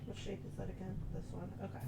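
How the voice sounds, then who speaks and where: A woman's voice: mid-range voice, monotone, fast, vocal fry. A woman playing a tabletop game, talking hesitantly with many ums as she reads her spell rules. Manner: hesitant, lots of ums while reading rules. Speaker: player. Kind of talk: casual tabletop game chat. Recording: loud background noise, clicking.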